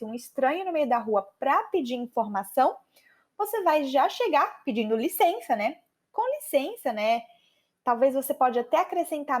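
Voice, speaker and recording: Brazilian woman, podcast host, english lesson, high voice, lively chatty delivery, slow practice repeats. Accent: Brazilian Portuguese.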